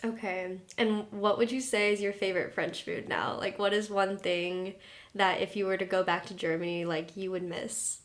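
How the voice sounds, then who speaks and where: A woman's voice: mid-range voice, steady tone, normal speed. A young woman hosting a podcast, asking questions in a chatty, upbeat way. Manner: chatty, upbeat, laughs along. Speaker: podcast host. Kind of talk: casual interview chat.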